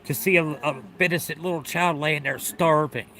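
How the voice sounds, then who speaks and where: A man's voice: a little high, steady tone, normal speed, bright, forceful tone. A middle-aged man talking earnestly to his livestream viewers, repeating himself, swearing often, and sounding close to tears. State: tearful. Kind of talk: emotional livestream talk.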